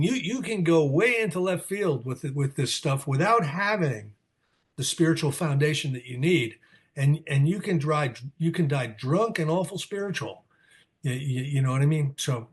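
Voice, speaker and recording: A man's voice: a little high, normal speed. Rambling older New man. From New Jersey. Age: 60s. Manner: goes off on tangents, repeats words. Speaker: guest speaker at a recovery meeting. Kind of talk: candid rambling talk answering questions. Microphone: video call.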